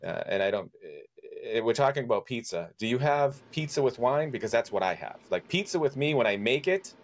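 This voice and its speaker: A man's voice: medium pitch, sing-song, brisk. A man hosting a podcast, chatting casually and often restarting his sentences with small stammers. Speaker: podcast host.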